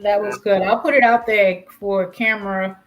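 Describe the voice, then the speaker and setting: A woman's voice: mid-range voice, fairly even intonation, normal speed. A woman co-hosting a chess broadcast in casual chat, often giving brief acknowledgements.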